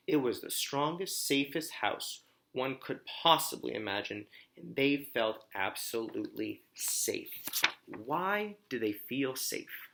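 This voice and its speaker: Reading a children's storybook as a teacher might, this man uses a medium-pitched, creaky, fairly bright voice. He reads expressively, pausing to explain and to ask questions.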